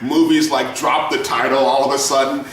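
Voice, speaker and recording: A man's voice: mid-range voice, little pitch movement, moderate pace. A young man casually reviewing a movie, swearing a lot, rambling and laughing often. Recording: echoey room, distant mic, faint noise.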